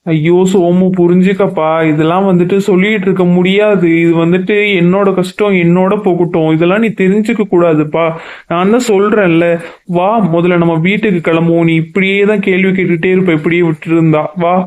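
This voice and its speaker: A man's voice: high-pitched, steady tone, a little fast, a little mellow, close to an everyday voice. A man voicing a loving but strained father who pleads with his son and at times scolds him, in a cartoon. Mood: pleading. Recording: dull lo-fi sound.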